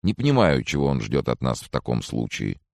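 A man's voice: a bass voice, very animated, fairly quick, vocal fry, a little mellow, no room sound, exaggerated voice. A man doing a weary, skeptical doctor. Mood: dry. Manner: dry, matter-of-fact, slightly mocking. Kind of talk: audiobook character voice.

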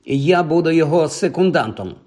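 A man doing an excitable high-voiced boy. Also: brisk. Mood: excited.

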